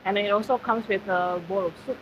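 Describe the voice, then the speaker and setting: A woman's voice: mid-range voice, fairly even intonation, brisk. A woman live-streaming while eating at a food centre, chatting casually with her viewers and using lots of fillers. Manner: chatty, filler-heavy, talks to chat. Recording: slightly dull audio, faint background noise.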